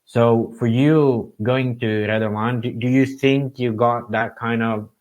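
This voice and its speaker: A man's voice: medium pitch, fairly even intonation, slow, darkish tone. A man from Finland co-hosting a casual podcast. His questions wander and build as he thinks them through. The sound is muffled and lo-fi. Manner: thoughtful, long winding questions. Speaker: co-host. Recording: dull lo-fi sound.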